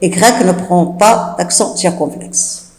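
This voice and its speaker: A woman teacher giving a slow spelling lesson, repeating each rule and spelling out letters one by one, with the odd hesitant filler. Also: fairly low pitch, darkish tone, roomy sound, low-quality recording. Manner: fillers like "euh" and "d'accord". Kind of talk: slow classroom dictation lesson.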